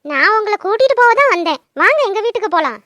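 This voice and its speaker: This is a very high, bright, cheeky little girl in a cartoon. She rattles off her lines at speed, blunt and bossy with her older cousin. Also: big pitch swings, no room sound, clean studio sound, exaggerated voice. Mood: impatient. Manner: quick, chattering, blunt. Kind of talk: cartoon dubbing.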